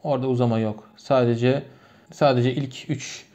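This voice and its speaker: A man's voice: mid-range voice, steady tone, moderate pace, a little mellow. A man from Turkmenistan with a Turkmen accent, a native Turkmen speaker, patiently explaining grammar with many repeated examples in a lesson. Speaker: language teacher. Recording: muffled lo-fi recording.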